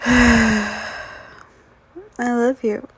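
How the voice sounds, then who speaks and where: A woman's voice: on the high side, level tone, drawn-out words, breathy edge, no echo. Sleepy rambling woman, whispered role-play. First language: grew up speaking English and Spanish. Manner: sleepy, rambling, casual with many fillers. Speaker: ASMR performer playing a fiancée.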